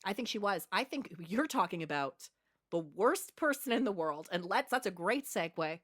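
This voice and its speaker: A woman's voice: mid-range voice, animated, normal speed, a bit bright. A woman co-hosting a casual podcast, blunt and teasing, laughing often. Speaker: podcast co-host. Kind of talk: casual chat.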